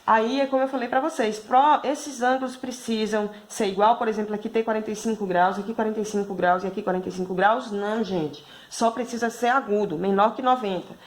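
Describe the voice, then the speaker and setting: A woman's voice: on the high side, fairly quick, hardly any pauses. A woman with a Brazilian Portuguese accent giving a video math lesson to schoolchildren, explaining patiently and checking in with constant tag questions. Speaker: primary school math teacher.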